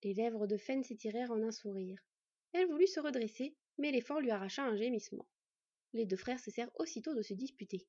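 A woman narrating a story aloud in a calm, even reading voice, in a slightly muffled recording. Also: on the high side, brisk, dry recording.

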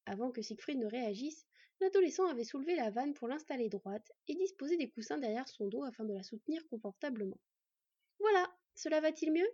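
A woman narrating a story aloud in a calm, even reading voice, in a slightly muffled recording. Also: a little high, fast talker, husky, no room sound.

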